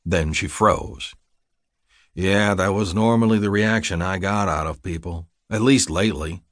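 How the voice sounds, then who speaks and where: Audiobook reader, male, lowish voice, dry close mic, steady gritty first-person storytelling. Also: unhurried, no echo. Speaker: audiobook narrator. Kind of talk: scripted first-person narration.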